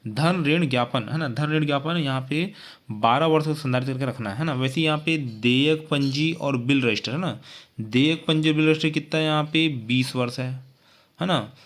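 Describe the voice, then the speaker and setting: A man's voice: fairly high pitch, moderate pace, fairly bright tone. A man teaching an exam-prep lesson, repeating points and checking in with frequent tag questions.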